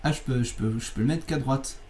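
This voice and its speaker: A man with a mellow, warm voice walks through a software lesson in a screen recording. He talks casually, often restarting and correcting himself. A faint hiss sits under the recording. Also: medium pitch, brisk, poor audio. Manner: informal, chatty, with fillers and self-corrections. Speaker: software tutorial teacher. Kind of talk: screencast tutorial.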